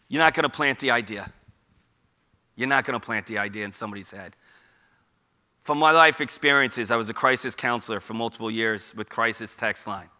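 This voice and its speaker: A middle-aged man from Queens, New York, with the accent to match, gives an informal public talk on suicide prevention, conversational and emphatic, frequently asking rhetorical questions. His mid-range voice is brisk, bright and forceful, broken by long pauses.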